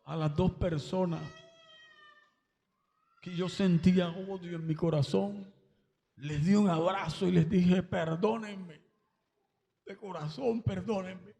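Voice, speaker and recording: A man's voice: high voice, fairly even intonation, takes it slowly, gravelly, pauses often, warm tone, big-room sound. A man giving an emotional religious testimony at a church service, breaking into exclamations of praise.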